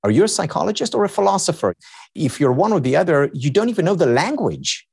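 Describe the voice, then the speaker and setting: A podcast guest who researches and teaches happiness, a native Hebrew speaker, gives explanatory interview talk in a lecturing way, building each point through repetition. His slightly high voice is very animated and fast, with vocal fry, a darkish tone and a breathy edge.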